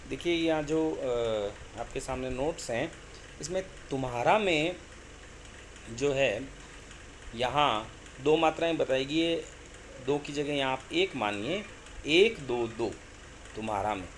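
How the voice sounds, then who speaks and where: A man lecturing as a college teacher, explaining verse rules slowly, repeating words and drawing out the lines of couplets he recites. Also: on the high side, slight background noise. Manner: slow, repeats words, chants couplets drawn out. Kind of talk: explaining Hindi poetics lecture.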